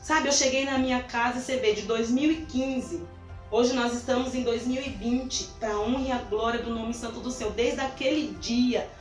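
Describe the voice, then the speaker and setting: A woman telling a church testimony in an animated, emphatic way, acting out the lines she quotes. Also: a little high, normal speed, roomy sound, distant mic, faint music behind. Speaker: guest giving a testimony.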